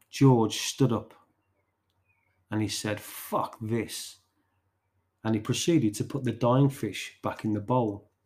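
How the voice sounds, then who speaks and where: A man hosting a podcast who narrates a story in a slow, deliberate way, pausing between phrases. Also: on the low side, darkish tone.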